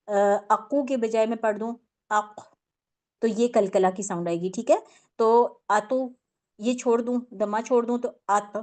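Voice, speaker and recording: A woman's voice: fairly high pitch, a little mellow. A woman teaching a tajweed lesson on Quran recitation, explaining patiently step by step with many fillers and English words mixed in.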